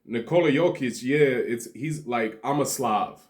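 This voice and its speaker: A man's voice: medium pitch, unhurried. A man from Montenegro giving a rambling, slangy commentary monologue as a vlogger, laughing between points.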